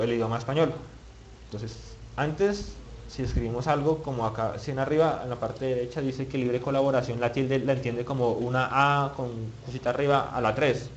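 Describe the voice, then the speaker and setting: A man's voice: mid-range voice, darkish tone, highs cut off, a little hiss or hum. A man teaching web page building in a screen-recorded tutorial, thinking aloud and muttering as he clicks, with many restarts. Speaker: web development instructor.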